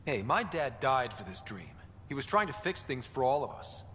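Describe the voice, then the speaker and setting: A man's voice: medium pitch, big pitch swings, moderate pace, bright, forceful tone, in a large hall, slight background noise. An actor playing an earnest young male space explorer who speaks conversationally.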